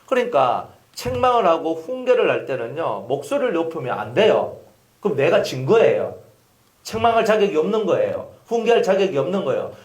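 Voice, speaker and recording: A man's voice: a little high, a little fast. A male pastor preaching a sermon, telling stories and acting out scenes. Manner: animated storytelling, acting out scenes with voices. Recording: echoey hall.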